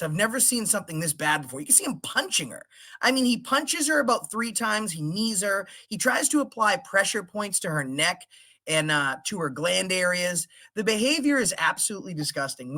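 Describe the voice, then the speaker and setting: A man's voice: high-pitched, bright, forceful tone. A man hosting a livestream, indignantly commenting on footage and talking directly to his chat. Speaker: livestream host.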